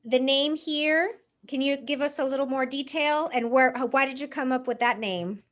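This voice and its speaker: A woman's voice: high-pitched, normal speed. Chatty woman hosting. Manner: chatty, enthusiastic, trailing restarts. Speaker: host. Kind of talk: interview host.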